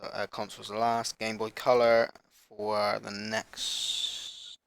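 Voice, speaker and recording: A man with a sore throat hosting a gaming channel, rambling and apologetic as he haltingly reads a list in a casual announcement vlog. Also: on the low side, monotone, vocal fry, fairly bright tone, clear, resonant tone, dry recording.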